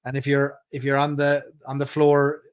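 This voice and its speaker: A man's voice: mid-range voice, monotone, normal speed, smooth. A man working as a bingo caller, reading out rhymed numbers with casual, wisecracking banter as he co-hosts a live game. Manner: jokey, wisecracking.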